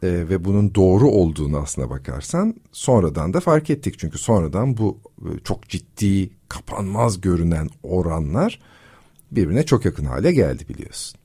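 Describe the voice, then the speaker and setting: A man living abroad who explains disinformation in a measured, casual discussion, often pausing with fillers. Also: low-pitched, very animated, mellow, husky. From Turkey.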